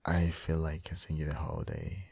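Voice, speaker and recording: A very deep, husky, creaky-voiced man performs a boyfriend ASMR roleplay as a loving husband and father. He's very animated yet tender and doting, murmuring slowly with soft hums, in lo-fi sound.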